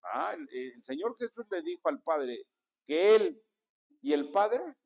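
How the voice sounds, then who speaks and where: A Mexican pastor preaching a sermon in a notably high voice. He speaks at an unhurried, deliberate pace and keeps calling on the congregation to answer and repeat his words. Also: sing-song, darkish tone. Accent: Mexican Spanish. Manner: preaching with call-and-response to the congregation.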